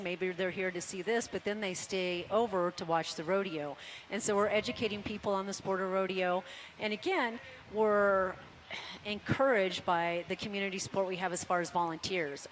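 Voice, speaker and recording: A woman's voice: medium pitch, slight background noise, low-quality recording. An older woman, a rodeo organizer, speaking with enthusiasm in an outdoor interview. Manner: enthusiastic, promotional. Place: outdoors at a race event.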